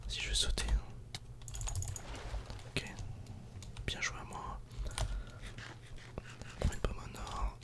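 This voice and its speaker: A woman plays a video game while giving breathy, unvoiced ASMR whispers, murmuring both to herself and to her viewers. She speaks slowly and pauses often.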